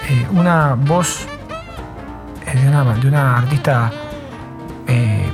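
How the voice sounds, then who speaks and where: A male radio host fills the gaps between songs with unhurried, reflective commentary, often closing a thought with a tag question. His pitch is medium, and music plays in the background.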